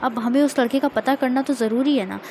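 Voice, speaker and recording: A woman voicing a teasing, affectionate young husband, speaking softly and lower when he turns tender. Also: brisk, a little hiss or hum. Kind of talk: storytelling a romance.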